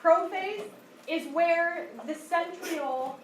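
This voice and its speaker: High-pitched woman teaching in an echoey classroom. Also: takes it slowly. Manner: explanatory, checks understanding often. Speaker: high school biology teacher. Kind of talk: interactive classroom lesson. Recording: echoey classroom, distant mic, background noise.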